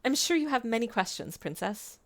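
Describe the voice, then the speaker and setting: A woman voicing a gentle, polite and reassuring fairy in a story game. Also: fairly high pitch, expressive, a little fast, voice pushed up. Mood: kindly.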